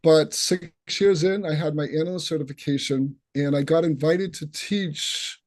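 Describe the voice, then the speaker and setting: Introducing himself as an instructor during an online open house on a video call, a Boston-accented man from the northeastern United States recounts his story with earnest sincerity. His fairly high voice is a little mellow, with fairly even intonation and a normal pace.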